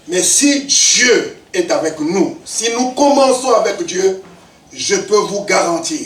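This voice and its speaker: A man in his fifties preaching a sermon, swinging between loud shouts and low, emphatic asides. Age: 50s. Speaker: pastor. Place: church. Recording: echoey church hall, mic at a distance.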